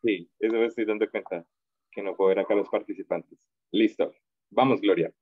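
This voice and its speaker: A man teaching an online French class, drilling verb forms slowly and patiently. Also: lowish voice, steady tone, dry recording, narrow, tinny audio. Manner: slow, patient drilling of conjugations. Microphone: video call.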